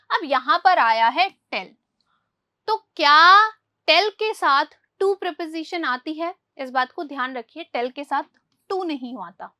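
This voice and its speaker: A woman teaching English grammar, who asks questions and answers them herself, slowing down to read English example sentences. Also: extremely high pitch, sharp tone, no echo, clean studio sound. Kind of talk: spoken grammar lesson.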